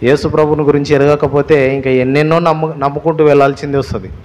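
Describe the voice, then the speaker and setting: A male pastor with a Telugu accent preaches with a lot of emphasis. His voice sits high for a man, and he leans on repetition and rhetorical questions to drive each point home. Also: little pitch movement, fast talker, darkish tone. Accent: Telugu, Andhra Pradesh. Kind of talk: sermon.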